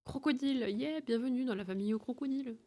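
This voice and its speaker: A woman's voice: high voice, fast, dark tone. Tired, playful woman streamer. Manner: playful, chatty, teasing. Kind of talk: casual live-stream game chat.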